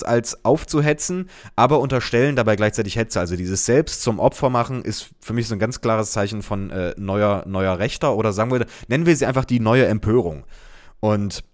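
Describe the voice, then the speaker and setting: Man, lowish voice, sarcastic, deadpan asides, casual commentary. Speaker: social media commentator.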